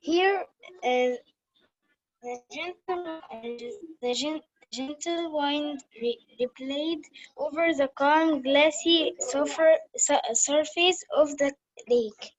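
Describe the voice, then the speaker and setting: A student reading a sentence aloud in an online class, hesitant and stumbling over words. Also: female voice, high-pitched, takes it slowly. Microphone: video call. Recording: dull lo-fi video call audio.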